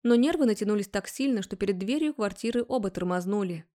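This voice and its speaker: A young woman narrating a first-person story, brisk and wry. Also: mid-range voice, lively intonation, dark tone.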